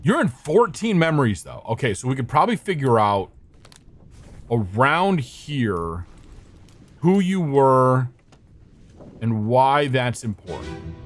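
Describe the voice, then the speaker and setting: A young man streaming a game, thinking aloud in a scattered way, swearing now and then and greeting his chat. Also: medium pitch. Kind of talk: casual gameplay commentary.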